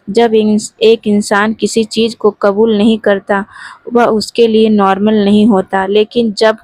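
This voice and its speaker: A woman's voice: medium pitch, a little mellow, no echo, lightly acted. A woman voicing a weary mother who pleads with her daughter to accept things, in a spoken story. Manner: pleading, resigned.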